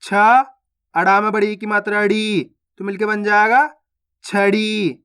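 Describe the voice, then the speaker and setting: A man teaching Hindi reading, sounding out syllables slowly and stretching each word, with quicker explanations between. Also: high voice, monotone, bright, forceful tone, clear, resonant tone. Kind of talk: slow phonics lesson, drawn-out syllables.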